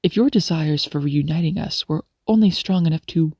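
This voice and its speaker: A woman voicing a polite, cheerful young male doctor in a storybook, speaking in a lowered, courtly, teasing way. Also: moderate pace, dark tone, slightly rough, dry recording, studio quality. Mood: genial.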